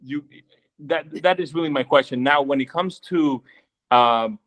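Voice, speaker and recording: A man's voice: a little high, a little slow, a bit bright. A man from Chile asking a question on a video call, laid-back and rambling, with lots of fillers. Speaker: caller.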